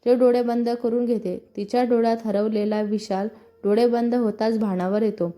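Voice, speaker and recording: Woman storyteller, Marathi accent, scripted narration, slightly high, soft mellow tone. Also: moderate pace, faint music behind. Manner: reads all parts in one even narrating voice.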